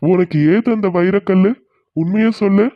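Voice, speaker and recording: Strict accusing village headman in a cartoon, a bit high, muffled and dry. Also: fairly even intonation, moderate pace, no room sound. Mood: stern. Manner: stern, accusing. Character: stern male village headman.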